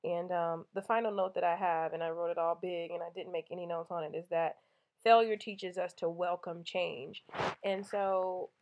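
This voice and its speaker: A woman's voice: on the low side, fairly even intonation, normal speed, darkish tone, muffled recording. Female podcast host, motivational monologue, candid storyteller with casual fillers. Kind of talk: motivational talk.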